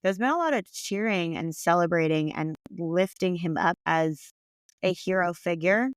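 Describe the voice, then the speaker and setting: A woman's voice: on the low side, normal speed, smooth, dry recording. A woman co-hosting a podcast, explaining things in a casual conversational way. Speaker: podcast co-host.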